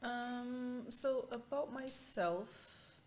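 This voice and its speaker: Woman, interview guest, hesitant, halting, faint background noise. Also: on the high side. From Portugal and Angola. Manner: hesitant, halting, with many fillers and restarts. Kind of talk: casual interview chat.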